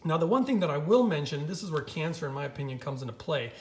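A man's voice: a little high, sing-song, fast, a little mellow, echoey room. A man talking off camera as a vlogger, enthusiastically walking viewers through images on a screen and calling them "guys.".

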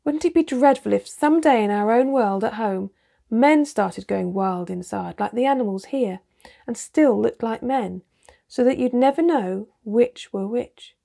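A woman's voice: on the high side, lively intonation, a little slow, creaky, dark tone, exaggerated voice. A woman reading the lines of a thoughtful youngest girl in a storybook, in an earnest, wondering manner.

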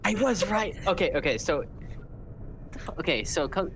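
A woman's voice: fairly low pitch, expressive, unhurried, noisy background. A woman chatting playfully with friends over voice chat, laughing and explaining. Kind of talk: casual group chat.

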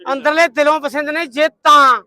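Punjabi guy, really high bright voice, hearty market banter, haggling like a livestock trader. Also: steady tone, moderate pace. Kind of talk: loud market bargaining banter.

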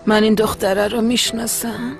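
A woman's voice: fairly high pitch, level tone, gravelly. An actress dubbing a tender older grandmother consoling her grandson, in a TV drama dub. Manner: tender, soothing. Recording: dubbed voice over loud music.

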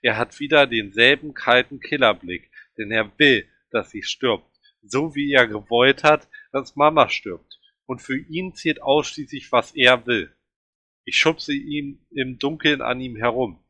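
Männlicher vorleser, dramatisch, sehr trockene aufnahme. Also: male voice, mid-range voice, a little slow, bright, forceful tone, dry recording. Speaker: reader. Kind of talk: reading a novel aloud.

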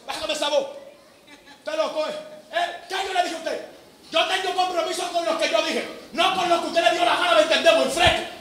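A man's voice: very high voice, steady tone, fairly quick, roomy sound, crowd noise. A preacher voicing God as a stern, commanding male figure who scolds and lectures in a hard street tone. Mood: scolding.

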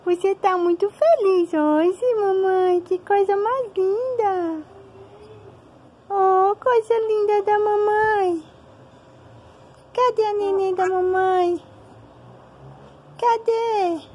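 A woman with a very high, drawn-out voice coos at her infant daughter. She talks slowly, in a sing-song, repetitive way. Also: a little mellow. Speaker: mother. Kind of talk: baby talk to an infant.

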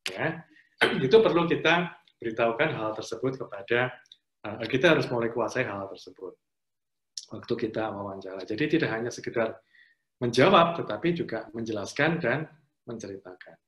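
A man's voice: mid-range voice, expressive, normal speed, fairly bright tone. A man giving a conversational career-skills lecture over a video call, acting out interview exchanges as he teaches. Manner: conversational, acts out interview dialogues. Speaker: career trainer. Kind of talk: online training lecture. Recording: roomy, dull lo-fi audio.

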